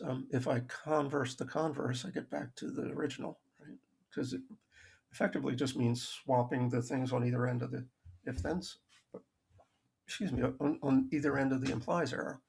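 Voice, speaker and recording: A man's voice: mid-range voice, fairly even intonation, normal speed, darkish tone. A man giving a recorded math lecture over slides, explaining logic with dry self-aware humor and frequent restarts. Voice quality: gravelly, husky voice.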